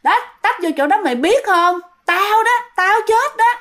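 A woman's voice: very high-pitched, expressive, unhurried, a bit bright, pitched above the performer's own voice, exaggerated voice. A woman voicing the ghost of a drowned woman who has possessed a young man and insistently demands things. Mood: shrill, demanding.

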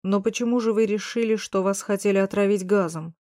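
A woman narrator voicing a slow-witted male police investigator who asks blunt, puzzled questions, in an audiobook. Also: medium pitch, dark tone, no echo, studio quality, lightly acted. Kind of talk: audiobook dialogue reading.

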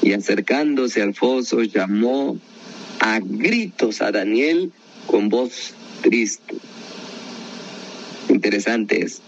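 A man's voice: fairly low pitch, takes it slowly, vocal fry, long pauses, highs cut off, a little hiss or hum. A man leading a Bible study in a conversational teaching style, often asking rhetorical questions. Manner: animated, asks many rhetorical questions.

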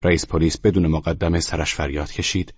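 Deep, husky male audiobook narrator. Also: dry recording. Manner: measured, even storytelling. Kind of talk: scripted literary narration. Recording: muffled lo-fi audio.

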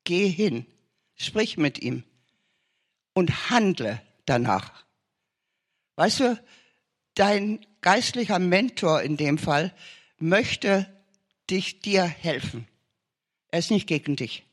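High, lively German-speaking preacher. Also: male voice, slow pace, long pauses. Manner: urgent, emphatic exhortation with repeated short commands. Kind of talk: sermon testimony.

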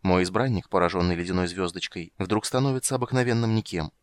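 A man's voice: sits low, fast talker, no echo, natural voice. A male reader voicing a proud sorceress in an audiobook, speaking in a haughty, biting way. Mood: wistful. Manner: haughty, biting, then wistful. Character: proud, sharp-tongued sorceress woman. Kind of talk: audiobook character reading.

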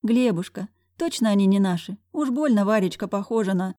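A doting, sly middle-aged housekeeper coos over the children, as a woman reading the book puts her on. Her voice sits higher and sweeter than the narration, recorded close and dry. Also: animated, brisk, warm tone, dry recording, close to an everyday voice. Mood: doting, cooing. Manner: affectionate, cooing, sly. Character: teasing motherly female housekeeper, middle-aged.

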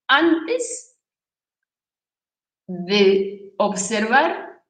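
A woman's voice: fairly high pitch, sing-song, very slow, fairly bright tone. Emphatic woman giving a spiritual talk. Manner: emphatic, preaching, with rhetorical questions. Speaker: spiritual speaker. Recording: echoey room, voice from far off the mic.

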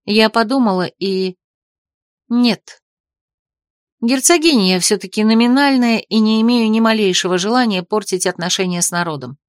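A woman narrating a romantic fantasy audiobook in the first person, with a wry, expressive reading. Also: medium pitch, quick pace, few pauses, dry recording, studio quality.

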